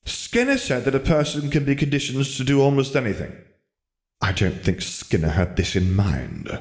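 A man voicing an exasperated male wizard who speaks dryly and sardonically at an unhurried pace, in a storybook reading. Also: medium pitch, sing-song, pitched above the performer's own voice. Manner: dry, sardonic, slow and measured.

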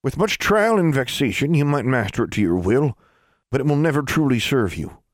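A man's voice: medium pitch, big pitch swings, normal speed, no echo, studio quality, pitched above the performer's own voice, close to an everyday voice. A man voicing a shrewd old country woman who crafts wands, speaking in folksy dialect. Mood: measured.

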